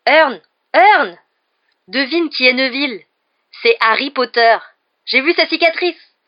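A woman voicing an excitable young male bus conductor in a storybook reading, loud and shouting. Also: mid-range voice, quick pace, lo-fi sound, voice pushed up, natural voice. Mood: overexcited.

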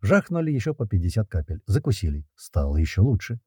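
A man's voice: on the low side, very animated, fast talker, warm tone, slightly rough, no echo, studio quality. A man narrating an audiobook in the first person, casual and slangy.

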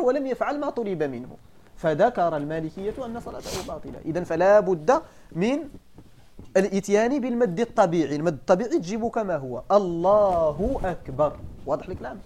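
Lively, fast-talking Moroccan teaching sheikh. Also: male voice, high-pitched, a little hiss or hum. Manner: animated explaining, often checking the class understands. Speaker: sheikh teaching Maliki jurisprudence. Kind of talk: classroom religious lesson.

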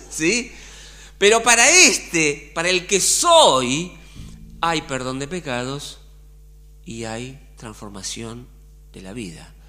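A man's voice: a little high, sing-song, slow, pauses often, sharp tone. A middle-aged man with an Argentine accent preaching a sermon as pastor, colloquial and full of rhetorical questions. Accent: Argentine Spanish.

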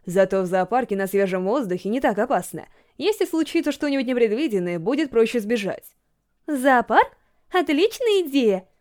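A woman narrating a story aloud with a steady, expressive reading. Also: medium pitch, fast, hardly any pauses. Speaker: audiobook reader.

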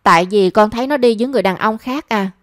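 A woman's voice: on the high side, fast talker, dry recording, studio quality, close to an everyday voice. A woman reading the lines of a stern middle-aged mother who scolds and questions her son. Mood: scolding. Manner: scolding, probing.

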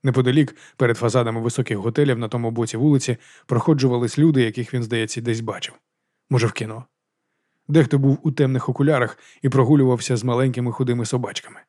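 Fast-paced male audiobook narrator. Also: medium pitch, fairly even intonation, a little mellow, no echo, studio quality. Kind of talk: scripted novel narration.

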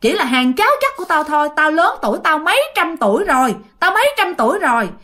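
A woman voicing a centuries-old male ghost who shouts threats in a very old-sounding voice. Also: high-pitched, sing-song, fast talker, voice pushed up, heavily acted. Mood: boastful. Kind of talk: told ghost story.

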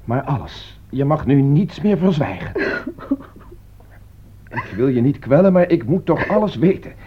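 An actor playing a worried middle-aged doctor and family head in a radio play, speaking gravely and wearily. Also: male voice, a little high, big pitch swings, full character voice. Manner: grave, weary and measured. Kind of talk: radio drama acting. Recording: dull lo-fi radio recording.

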